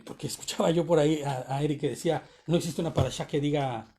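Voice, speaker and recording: A man's voice: fairly high pitch, steady tone, fast, dark tone. A man giving a conversational sermon on a Torah portion to his congregation, often checking in with short tag questions. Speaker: congregation teacher.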